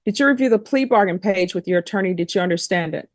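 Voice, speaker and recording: A woman with a mid-range voice speaks at a quick pace, recorded at studio quality with no room sound. She is a judge presiding over a court hearing, questioning people in a formal, procedural way and spelling out names.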